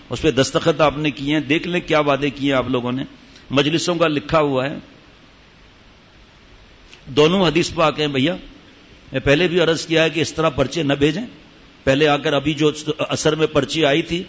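A man's voice: a little high, muffled recording. A man giving a stern sermon to a gathering, scolding his listeners with rhetorical questions. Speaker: religious teacher at a mosque retreat.

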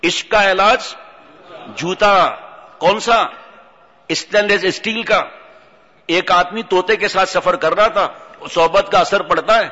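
A man giving a humorous religious sermon, telling stories and acting out the characters in an animated way. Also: high-pitched. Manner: animated storytelling, acts out voices. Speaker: preacher. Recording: dull audio in long-reverb hall.

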